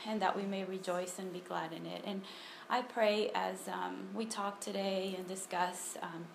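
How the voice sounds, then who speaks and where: With vocal fry, a medium pitch that barely moves and a slightly slow pace, a Honduran woman in her thirties shares a casual personal testimony and prayer at a church ministry meeting. She speaks conversationally, restarting often and saying um a lot. A phone on a table captures the echoey, noticeably noisy room.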